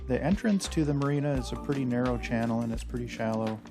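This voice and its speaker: A man's voice: medium pitch, quick pace, music in the background. A man narrating his sailing vlog at home, chatty and rambling with plenty of fillers and self-deprecating asides. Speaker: sailing channel host. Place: house full of dogs.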